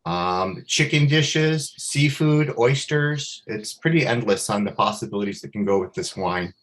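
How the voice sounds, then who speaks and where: A man's voice: medium pitch, measured pace. A man fluently presenting a wine, describing it in detail with frequent fillers. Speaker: wine representative. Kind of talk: product presentation.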